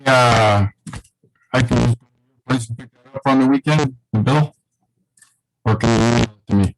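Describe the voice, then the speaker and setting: A man giving a treasurer's report at a meeting over a crackly, breaking-up call line, in short, halting remarks. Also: mid-range voice, vocal fry. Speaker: association treasurer.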